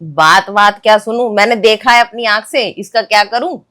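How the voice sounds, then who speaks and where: A woman playing a young wife who confronts her cheating husband with sharp, sarcastic accusations in a comic family skit. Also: medium pitch, moderate pace, close to an everyday voice. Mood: accusing.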